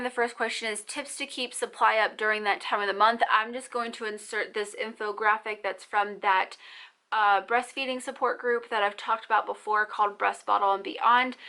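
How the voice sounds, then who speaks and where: Bright-voiced chatty young mom vlogger. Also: female voice, medium pitch, vocal fry. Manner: fast, chatty and encouraging. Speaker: parenting vlogger. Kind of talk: casual Q&A vlog.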